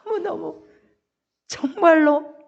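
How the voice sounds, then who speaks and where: A woman's voice: very high-pitched, slow, gravelly, muffled recording. A middle-aged woman pastor preaching a sermon and acting out a father's words with feeling. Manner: acts out the father's words with emotion.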